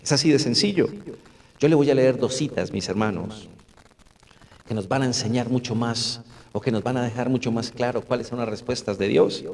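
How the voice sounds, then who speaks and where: A middle-aged pastor from Colombia, speaking at medium pitch and normal speed, delivers a sermon to a congregation of about fifty or sixty in an echoey church hall. He frequently asks rhetorical questions and addresses his brothers.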